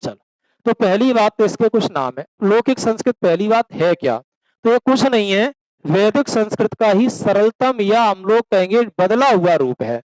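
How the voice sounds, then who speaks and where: Male coaching-class teacher, high voice, dry close sound, quizzes students and answers himself. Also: expressive, normal speed, darkish tone, dry recording, rough recording. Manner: calls students beta, asks and answers own questions; slips into rural dialect for examples. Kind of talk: classroom lecture.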